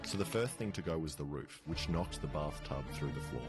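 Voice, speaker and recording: A man's voice: rumbling low, expressive, brisk. A man giving scripted narration as the presenter of an experiment video. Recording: music under the voice.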